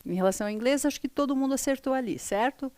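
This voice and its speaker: A woman's voice: high-pitched, very fast, a little mellow, no echo. A Brazilian woman teaching English to schoolchildren in a video lesson, speaking patiently and repeating each word for the pupils. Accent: Brazilian Portuguese.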